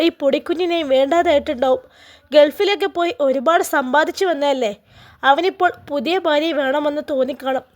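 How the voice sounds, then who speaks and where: A woman's voice: sits high, close to an everyday voice. Brief: furious brother, scolding, Malappuram accent, voiced by a woman storyteller. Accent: Malappuram Malayalam. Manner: harsh, scolding. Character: angry older brother, a man.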